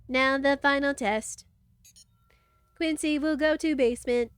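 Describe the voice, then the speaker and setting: A woman's voice: sits high, fairly even intonation, measured pace, faint music behind. A woman voicing a clipped, emotionless female robot computer in a robot voice, reading game dialogue. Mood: flat. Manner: robot voice, terse machine-like statements.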